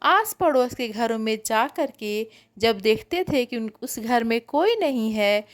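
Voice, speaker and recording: A woman's voice: fairly high pitch, expressive, a little slow. A woman narrating a devotional story in a homely, chatty way, addressing her listeners as friends.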